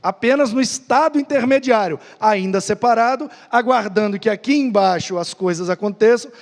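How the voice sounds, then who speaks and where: A pastor with a Brazilian accent teaching a Sunday Bible class, explaining with rhetorical questions and stories. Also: male voice, high-pitched, normal speed. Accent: Brazilian Portuguese. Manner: lively, storytelling, rhetorical questions. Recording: long hall reverb.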